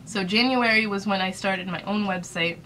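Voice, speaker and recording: A woman in her thirties, a small business owner vlogger, gives casual advice about running a small shop, chatty and rambling with lots of fillers. Her mid-range voice sounds pushed and bright, her throat dry from a recent illness. She's recorded on a webcam in a small room, and the low-quality audio carries a little hiss or hum.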